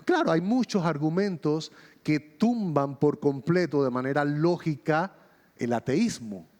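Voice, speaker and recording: A man preaching a sermon as pastor, telling a story and acting out its dialogue with changing pitch and pace. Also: expressive, unhurried, darkish tone. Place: church hall. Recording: long reverb of a church hall.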